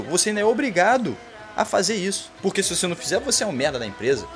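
Fast, profane ranting Brazilian man. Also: a little high. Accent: Brazilian Portuguese. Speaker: comedy podcast host. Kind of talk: comedic rant monologue.

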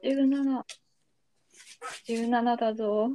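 A young woman hosts a casual interview podcast. Her voice sits fairly high yet has a very mellow, dark-edged tone. The sound is dry and close, with very little room around it. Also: steady tone, very slow, dry recording. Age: young adult. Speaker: podcast host.

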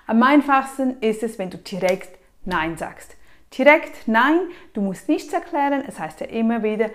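A woman talks straight to the camera, handing out practical advice in a slightly high voice. She leans hard on key words, then lets her voice sink to a near murmur. The tone stays casual and direct throughout. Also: normal speed. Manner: emphatic and lively, with frequent soft drops in volume. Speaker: personal finance advice vlogger. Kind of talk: casual advice talk to the viewer.

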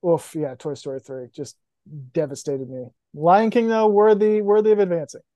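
A man's voice: sits high, fairly even intonation, moderate pace, mellow, dry recording. A young man co-hosting a podcast, chatting casually and with feeling about movies. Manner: emotional, enthusiastic about films. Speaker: podcast co-host. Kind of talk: casual chat.

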